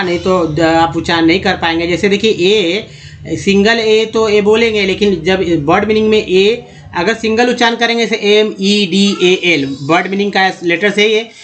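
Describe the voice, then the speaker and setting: A man teaching English pronunciation over a screen lesson. He talks slowly, spelling out letters and repeating words. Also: sits high, fairly bright tone. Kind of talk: screen-based spoken lesson.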